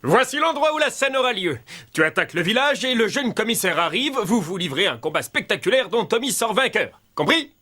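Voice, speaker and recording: A man voicing a brisk television director in a cartoon, giving instructions. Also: high voice, sing-song, bright, forceful tone, heavily acted. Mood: brisk, instructing.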